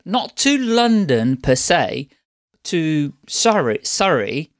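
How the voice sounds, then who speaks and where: A middle-aged man tells his own story as a podcast guest. His voice sits a little high for a man, and he rambles warmly from one point to the next, often restarting his sentences. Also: very animated, slow. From Netherlands. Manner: chatty, rambling, with frequent restarts. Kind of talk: casual interview storytelling.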